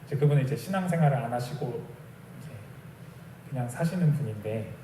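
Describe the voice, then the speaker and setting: A man's voice: medium pitch, expressive, brisk, mellow, reverberant, distant mic, a little hiss or hum. A young adult man preaching a sermon as a pastor, telling a personal story in a conversational way and acting out bits of dialogue. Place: small church sanctuary.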